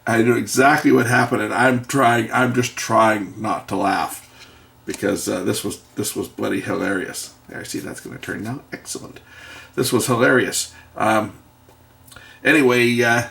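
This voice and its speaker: A man's voice: on the low side, fairly even intonation, moderate pace, vocal fry, fairly bright tone. A middle-aged man rambles through a wry anecdote while repairing something, muttering asides about the work. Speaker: video maker and electronics tinkerer.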